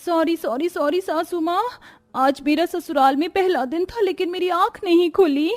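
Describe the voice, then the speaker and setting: A woman's voice: very high-pitched, normal speed, soft background music, voice pushed up. A woman voicing a lazy, scheming young bride in a cartoon, whiny, sly and theatrical. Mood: fake sweet. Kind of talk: Hindi cartoon voice acting.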